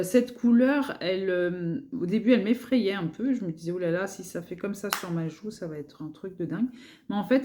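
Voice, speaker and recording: A woman's voice: lowish voice, warm tone. A woman beauty vlogger chatting casually through her makeup collection, hesitant, with many fillers and repeated words.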